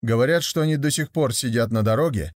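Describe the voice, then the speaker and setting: A man reads a fable aloud in an expressive storybook manner. His voice sits at an ordinary middle pitch. The recording is dry and close. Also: quick pace, no echo. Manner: expressive, acting out the characters. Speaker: narrator. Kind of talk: storybook reading.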